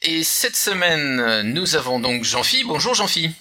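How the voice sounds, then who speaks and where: A man's voice: fairly high pitch, big pitch swings, a little slow, bright, forceful tone. A man hosting a casual podcast chat, hesitant, with many filler sounds and restarts. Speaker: podcast host.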